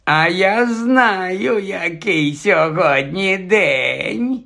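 A man's voice: medium pitch, huge pitch swings, fairly quick, a bit bright, exaggerated voice. A man doing Dudley, a whiny bully boy. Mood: mocking. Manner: taunting, whiny, sing-song. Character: spoiled, bullying plump boy cousin. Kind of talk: audiobook character voice.

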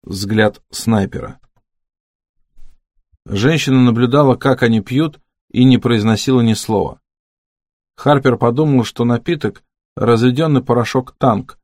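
Brief: male audiobook narrator, measured and steady, mid-pitched, dry studio sound. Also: no room sound. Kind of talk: scripted narration.

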